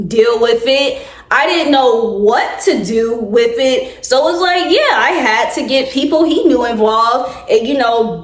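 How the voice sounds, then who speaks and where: A young woman in her twenties telling an emotional storytime to viewers, rambling with nervous laughs and calling them y'all. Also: high-pitched. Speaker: vlogger. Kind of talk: casual storytime. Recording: roomy echo.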